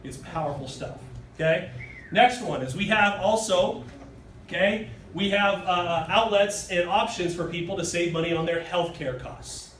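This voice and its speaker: Here the man in his thirties speaks at a measured pace, his high, punchy voice a bit bright, as he gives a motivational sales pitch. He stands, gestures widely and insists on "okay?" and "true?" again and again. It's a roomy, distant phone recording from the audience in a hotel meeting room, with faint hiss.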